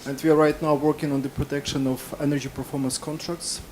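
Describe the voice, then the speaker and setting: A man with a slightly higher voice puts a detailed question to the panel from the audience. Faint room noise surrounds him in the conference hall. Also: level tone, fast talker, darkish tone.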